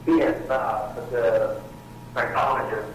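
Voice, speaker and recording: A man talking from jail on a prison phone call, rambling and halting with lots of fillers. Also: medium pitch, fairly even intonation. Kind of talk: casual phone conversation. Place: jail cell. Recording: distant echoey jail phone line with faint noise.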